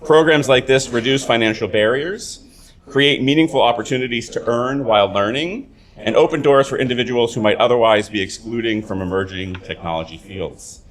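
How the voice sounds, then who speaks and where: Dean giving a halting formal speech. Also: male voice, medium pitch. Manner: formal, with halting uh fillers and restarts. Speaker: university dean. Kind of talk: prepared ceremony speech.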